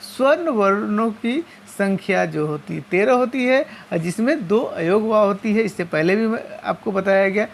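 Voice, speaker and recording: A woman teaching a lesson, explaining step by step and slowly spelling out each sound. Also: mid-range voice, gravelly, slight background noise. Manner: slow and methodical, repeating and spelling out sounds.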